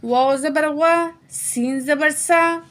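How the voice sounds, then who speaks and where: A woman with a high voice teaches Quran recitation slowly, spelling out letters and vowel marks one at a time. She stretches each chanted word, then drops into brisk, quieter asides to answer her own questions. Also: steady tone. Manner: asks herself quiz questions and answers them in quick quiet asides.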